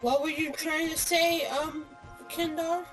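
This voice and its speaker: Over voice chat, a woman friend makes hesitant, rambling small talk with the player. Her high, slightly bright voice stays level and slow, with faint music behind her.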